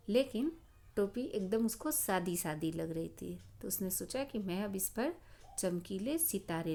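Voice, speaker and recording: A middle-aged woman teacher explaining a children's story, expressive and asking her listeners questions. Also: mid-range voice, creaky.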